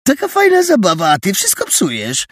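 A man voicing a brash, loud teenage boy who taunts and jeers, in an audiobook reading. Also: a little high, very animated, unhurried, dry recording, clean studio sound, pitched above the performer's own voice, exaggerated voice. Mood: mocking.

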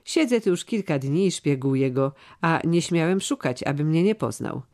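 A man's voice: a little high, animated, normal speed, darkish tone. A man reading a homesick young servant lad. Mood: longing, pleading. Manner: pleading, heartfelt. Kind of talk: audiobook character reading.

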